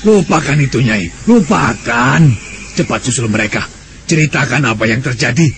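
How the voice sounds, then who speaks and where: A man's voice: mid-range voice, expressive, moderate pace, vocal fry, background noise. A man playing a nervous middle-aged village husband who talks urgently and hurries his wife along in a radio play. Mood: frantic. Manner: flustered, urgent, nagging.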